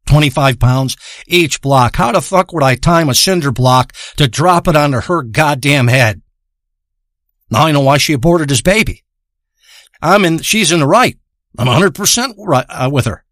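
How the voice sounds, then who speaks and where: A man rambles through a crude comic monologue, wandering off into deadpan tangents and swearing constantly. His voice sits a bit high for a man. The sound is dry and close, with no room around it. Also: moderate pace, no room sound. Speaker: comedic storyteller.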